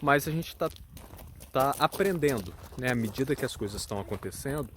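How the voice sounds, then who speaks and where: A little fast and a bit bright, the medium-pitched voice of this vlogging father with a Brazilian Portuguese accent moves with lively intonation. He explains casually, earnest and thoughtful as he searches for words, over a slight hiss or hum.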